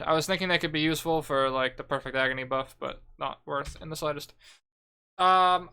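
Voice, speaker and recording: A young man with a bright, forceful voice talks through a game guide in a loose, offhand way. His tone is smooth and crisp, close on a desk mic. He swears here and there without slowing down. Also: fairly high pitch. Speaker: gaming content creator. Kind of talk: casual gear guide talk.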